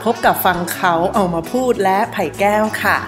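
A woman's voice: medium pitch, normal speed, big-room sound, over loud music. A woman in her forties hosting a solo podcast, chatting directly to her listeners in a casual way and laughing often. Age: 40s. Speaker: podcast host.

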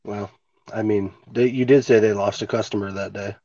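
Recording remotely from home on a home mic, a podcast host with a stuffy nose chats casually, laid-back and swearing now and then. His voice is on the low side and mellow, with fairly even intonation at normal speed; the recording is muffled with no room sound.

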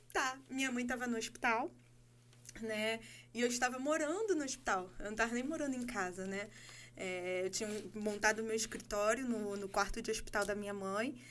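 Animated high-voiced Brazilian woman. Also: slight background noise. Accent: Brazilian Portuguese. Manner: animated, laughing, acting out dialogue. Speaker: guest. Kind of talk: storytelling podcast chat.

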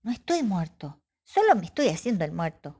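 A woman voicing a small, cheerful young male possum in a high, eager voice for a storybook. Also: sing-song, fairly quick, mellow, slightly rough. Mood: explaining.

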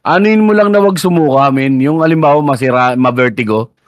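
A man's voice: mid-range voice, brisk, no room sound, clean studio sound. A man co-hosting a podcast in casual chat, loose and laughing, swearing freely. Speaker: podcast co-host.

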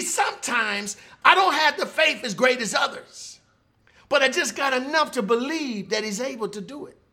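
A man preaching a lively sermon, calling on his congregation. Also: very high-pitched. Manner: animated, calls on the congregation.

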